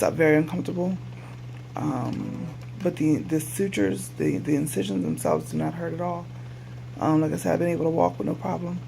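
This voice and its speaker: A man giving a casual, rambling video update as a patient, sounding subdued, halting and weary after surgery. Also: fairly high pitch, gravelly, darkish tone. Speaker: patient vlogger. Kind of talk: casual personal update to camera. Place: hospital room. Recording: noisy room recording with hum.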